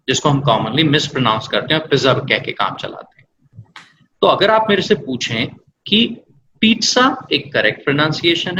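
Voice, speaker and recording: A man's voice: medium pitch, bright, forceful tone, slight background noise, poor audio. A man working as an English language trainer, explaining patiently with examples and mixing English words into his Hindi. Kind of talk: explanatory interview answers.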